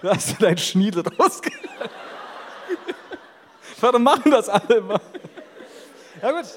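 Excitable Bavarian man, lively pitch. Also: a little slow, slight background noise. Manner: excitable, laughs often, animated. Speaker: podcast co-host on stage. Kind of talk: live comedy podcast banter. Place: stage at a live show.

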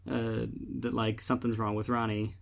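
A man's voice: on the low side, little pitch movement, normal speed, gravelly. A man co-hosting a podcast, rambling casually with many filler words. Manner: rambling, heavy use of "like". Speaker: podcast co-host. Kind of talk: casual chat.

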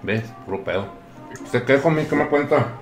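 A man's voice: mid-range voice, animated, moderate pace, over music. A man with a Mexican accent chatting casually as a podcast host, with crude slang and teasing frat-bro banter.

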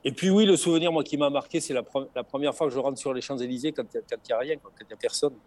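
A man's voice: mid-range voice, racing, darkish tone, no room sound. Middle-aged man, southern French accent, expansive interview guest, dry close sound. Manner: expansive, lots of restarts and repeated words. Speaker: guest, former race logistics organizer. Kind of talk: casual interview chat.

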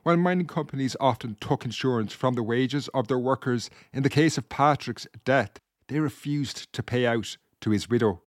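A man presenting a documentary, reading scripted narration in an even delivery. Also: medium pitch, moderate pace, hardly any pauses, dry recording. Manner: even, read-aloud delivery. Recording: dry close studio sound.

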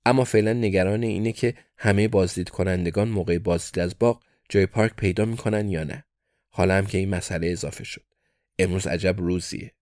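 Brief: male audiobook narrator, low voice, deadpan delivery, dry close sound. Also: dry recording.

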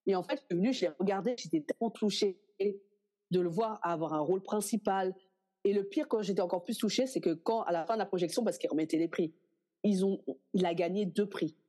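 A young actress, appearing as an interview guest, chats casually in a mid-range voice at a slightly quick pace. She tells lively stories and acts out what other people said.

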